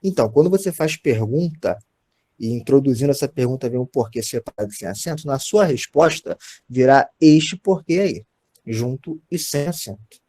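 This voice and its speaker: A man's voice: medium pitch, expressive, moderate pace, dark tone. A Brazilian man teaching a Portuguese grammar lesson, explaining patiently and often checking in with his students.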